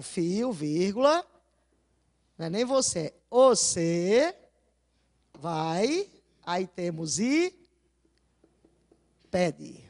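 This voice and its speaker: A woman teacher going over exam answers in a video lesson, often asking her class rhetorical questions and slowly stressing key words. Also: mid-range voice, a little mellow, no echo, studio quality.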